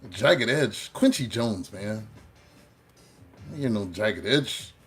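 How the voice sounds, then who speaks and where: A middle-aged man, a tarot reader, telling stories in a casual way and acting out the lines he quotes with sudden loud jumps. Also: fairly low pitch, expressive, takes it slowly, husky, soft background music. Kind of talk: casual storytelling on a live reading.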